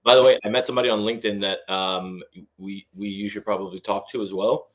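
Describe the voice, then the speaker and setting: A man's voice: lowish voice, fairly even intonation, fast, fairly bright tone. A man co-hosting a casual chat, laid-back, chiming in with short follow-up questions. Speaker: podcast co-host.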